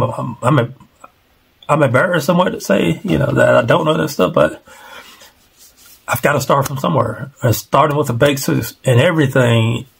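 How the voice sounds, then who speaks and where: A man's voice: mid-range voice, gravelly, husky. A man in his forties vlogging casually from his bedroom into a headset mic, rambling and self-deprecating with plenty of fillers. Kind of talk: casual personal vlog. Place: small bedroom at home. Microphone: headset microphone on a webcam call setup.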